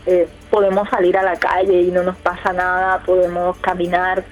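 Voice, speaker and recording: A woman's voice: lowish voice, completely flat delivery, normal speed. A woman, a radio guest answering in a casual, hesitant way with many fillers and restarts. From Colombia, Córdoba department. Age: 20s. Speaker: youth council leader, radio guest. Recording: muffled radio audio, faint music behind.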